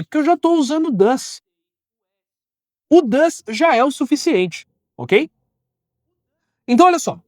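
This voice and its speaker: A woman with a Brazilian Portuguese accent teaches an English lesson to the camera, her fairly high voice swinging up and down with expression. She talks at an unhurried pace and stretches out each English example so it comes through clearly. The recording is dry, with no room sound. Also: dry recording. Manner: patient, explains in simple steps, says English examples slowly and clearly. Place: video recording with an editor behind the camera.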